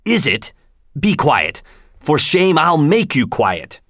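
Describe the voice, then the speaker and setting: A man's voice: mid-range voice, sing-song, a little slow, dry recording, clean studio sound. Old Capulet, a man doing a stern old lord. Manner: stern, commanding. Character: old commanding nobleman, head of house.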